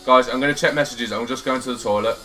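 A man streaming a football video game live, excitable and swearing freely as he banters with his chat through a headset. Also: mid-range voice, quick pace, faint music behind. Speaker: gaming streamer.

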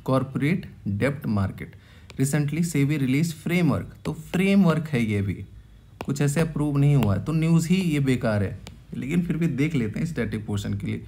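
Blunt man giving a quick revision lecture. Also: medium pitch, lively intonation, dark tone, slight background noise. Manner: blunt, dismissive of unimportant topics, mixes English read-outs into Hindi; reads English text slowly, word by word. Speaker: exam coaching teacher.

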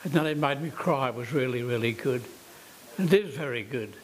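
Elderly man in his nineties, plain-spoken and repetitive, mid-pitched voice. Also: brisk, poor audio. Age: 90s. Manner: plain-spoken, repeats himself warmly. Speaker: circus performer. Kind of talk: reflective interview answers.

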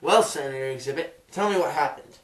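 A man's voice: fairly high pitch, fairly quick, slight background noise, natural voice. A man playing a casual gang member in a homemade comedy skit, offhand and slangy. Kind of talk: amateur comedy skit acting. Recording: echoey room, mic far off.

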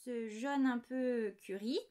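A woman in her thirties with a slightly high voice chats casually from her home desk. She shows off small knitting items, often apologizing and pausing over the little details. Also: mellow. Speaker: knitting podcast host. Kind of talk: casual show-and-tell chat.

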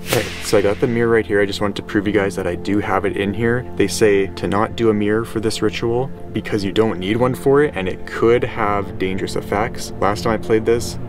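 A man in his twenties talking casually to camera as a vlogger, nervous and excitable, with frequent filler words. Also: fairly low pitch, brisk, few pauses, over music. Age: 20s. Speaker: vlogger doing a paranormal challenge. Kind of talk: casual vlog talk to camera. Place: small indoor rooms in a home basement.

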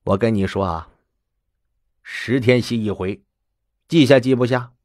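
A man voicing a stern, blunt old grandmother, speaking slowly and pressing with questions. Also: medium pitch, darkish tone, dry recording, clean studio sound, close to an everyday voice. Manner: slow, measured, pressing questions.

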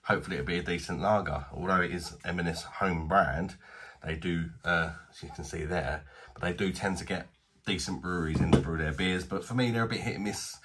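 A man's voice: deep voice, a little fast, a bit bright, slight background noise. A man in his thirties with a British accent, chatting bluntly and casually while reviewing a beer in a small home bar. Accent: British English. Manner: chatty, blunt, self-deprecating.

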